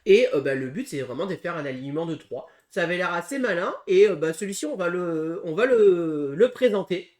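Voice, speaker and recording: A man co-hosting a casual board game preview, talking through game rules with frequent pauses and restarts. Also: high voice, expressive, darkish tone. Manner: hesitant, full of pauses and restarts while explaining rules. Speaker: board game channel co-host.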